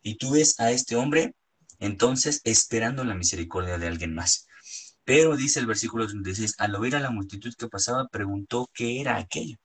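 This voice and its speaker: A man preaching a sermon in an earnest way, often repeating words and pausing with fillers. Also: mid-range voice, slightly rough.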